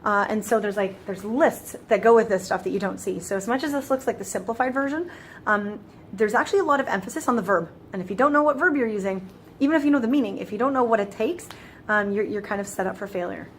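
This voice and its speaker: A woman's voice: mid-range voice, fast talker, a little hiss or hum. A woman explaining grammar in a casual, chatty lesson, often restarting phrases and walking through it step by step. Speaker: French teacher.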